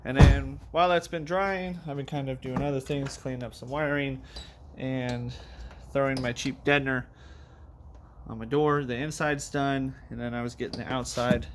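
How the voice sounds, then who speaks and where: The recording is very noisy, carrying a man's steady, medium-pitched voice at a measured pace. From a car in a garage, this car audio hobbyist vlogger gives a loose, rambling walkthrough of his build, breathless and full of fillers and self-corrections.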